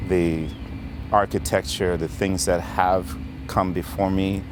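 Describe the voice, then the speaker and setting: A man's voice: deep voice, flat delivery, takes it slowly. A man from Bermuda talking reflectively in an interview. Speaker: artist being interviewed. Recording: outdoor traffic noise. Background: faint traffic and outdoor ambience.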